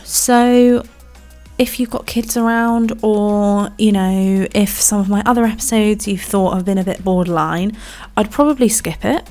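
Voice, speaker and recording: A young woman from England hosts a relaxed podcast at an easy middle pitch. She talks in a chatty, giggly way with a casual, friendly flow. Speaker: podcast host. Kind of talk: casual chat.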